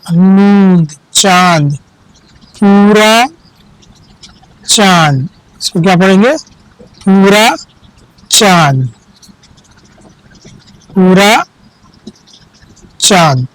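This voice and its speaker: Very slow, patient reading teacher. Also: male voice, high-pitched, smooth, dry recording, poor audio. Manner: spells each word letter by letter, then says it whole; repeats words and corrects common misreadings. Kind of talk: slow spelled-out reading lesson for children.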